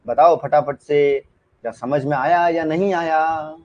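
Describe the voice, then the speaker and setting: A man teaches a live online shorthand class, his voice sitting somewhat high. He talks in a loose, chatty way, repeating himself and asking students whether they follow. The sound is dull and lo-fi. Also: slow pace, darkish tone.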